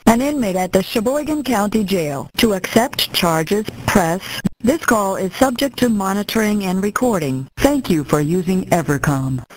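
A woman's voice: mid-range voice, animated, a little hiss or hum. Woman's prerecorded collect-call message over a phone. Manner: slow, measured, evenly spaced phrasing. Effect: prerecorded collect-call message played over a phone line. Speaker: automated call announcer. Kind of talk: formal recorded announcement. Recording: distant, thin phone-line sound.

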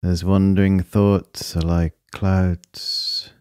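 A man guides a breathing meditation in a low, mellow voice. He speaks slowly and soothingly, leaving long pauses between short, calm phrases. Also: clean tone, no room sound.

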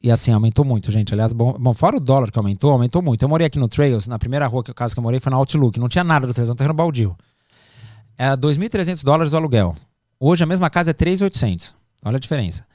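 A middle-aged Brazilian man telling stories in a casual podcast chat, animated and acting out quoted dialogue. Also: medium pitch, rapid-fire, dry recording, clean studio sound. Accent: Brazilian Portuguese. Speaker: podcast guest. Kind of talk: casual storytelling.

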